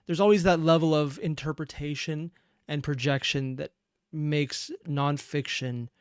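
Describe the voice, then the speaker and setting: A man with a fairly high, clear and resonant voice speaks in a dry, clean studio recording. He is hosting a reaction video, reflecting on a fan dub in an earnest, analytical manner with deliberate emphasis.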